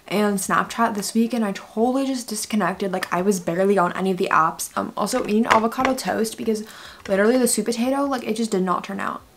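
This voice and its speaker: Filmed on a handheld phone, a young woman vlogger chats casually to camera in a mid-range voice, constantly filling her talk with "like". A little hiss or hum sits in the audio.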